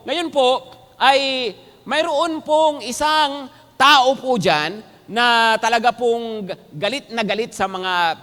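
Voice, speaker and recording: A man's voice: extremely high pitch, takes it slowly, bright, forceful tone. A male pastor preaching a sermon to his congregation. He keeps checking in with the listeners through short questions. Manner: addresses the congregation and often checks in with "no?" and "amen po?". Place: church sanctuary. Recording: long reverb of a large hall.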